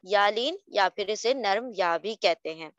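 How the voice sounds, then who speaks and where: A woman's voice: medium pitch, animated, no echo. Patient woman teaching recitation rules. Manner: patient, often checks "okay?". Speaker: tajweed teacher. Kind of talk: explaining Quran recitation rules. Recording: dull dry lo-fi recording.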